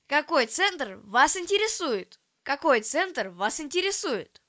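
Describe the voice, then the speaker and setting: A woman's voice: high voice, sharp tone. A woman recording a phone menu for a language and early development centre, reading greetings, branch names and keypad options in a cheerful, repetitive sing-song.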